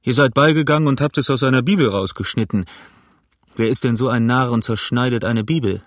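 A man's voice: medium pitch, a little fast, dry recording, studio quality, lightly acted. A man voicing a sly, mocking old pirate cook in an audiobook, talking with jovial sarcasm. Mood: scolding. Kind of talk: audiobook character voice.

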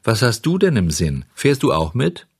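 A man voicing a fat, sweet-talking little coachman who speaks in a soft, flattering, coaxing way. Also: medium pitch, normal speed, breathy edge, dry recording, studio quality, voice pushed up.

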